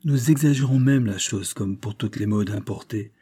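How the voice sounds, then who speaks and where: A man with a fairly low, warm, husky voice reads aloud at a normal speed. He voices a talkative, impertinent rich young woman on the verge of marriage, lifting his tone to sound teasing.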